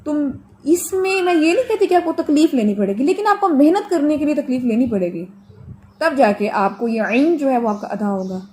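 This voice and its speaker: Patient woman tajweed teacher, higher voice. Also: very animated, a little mellow. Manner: patient, explains with homely examples, drills sounds slowly; stretches model sounds slowly for students to copy. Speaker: Quran recitation teacher. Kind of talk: online tajweed lesson.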